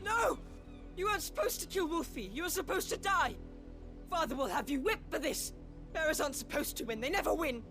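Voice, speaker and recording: A woman's voice: high voice, expressive, a little fast. A woman voicing a spoiled, cruel little rich boy who is petulant, whiny and bossy. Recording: game audio under faint music.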